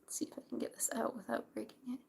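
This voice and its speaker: A young woman chatting casually in a hushed, breathy library whisper while live crafting. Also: racing. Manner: hushed library whisper, keeping quiet for sleepers. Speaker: craft livestreamer. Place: at home late at night, crafting. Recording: faint background noise.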